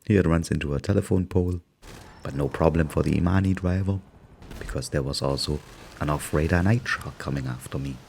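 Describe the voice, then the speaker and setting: Gamer guy voice-over, German accent, deep and gravelly, wry and sarcastic, slight hiss behind. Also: brisk, darkish tone. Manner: dry, amused, sarcastic. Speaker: gaming YouTuber narrating gameplay. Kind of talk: casual gameplay commentary.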